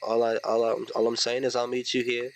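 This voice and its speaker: A man's voice: mid-range voice, completely flat delivery, brisk, creaky. A man chatting casually as a player in a tabletop role-playing game, speaking in character.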